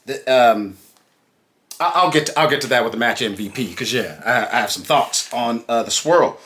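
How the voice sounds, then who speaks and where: A man co-hosting a wrestling podcast, opening with a showy sing-song welcome and then recapping matches in relaxed, casual chat. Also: mid-range voice, moderate pace. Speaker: podcast co-host.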